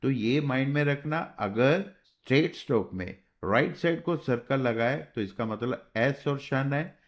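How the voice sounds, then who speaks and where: A man teaching a shorthand class, explaining step by step in a patient way and often checking with "okay". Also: mid-range voice. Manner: slow, patient, spells out sounds and checks with "theek hai". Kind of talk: classroom lesson.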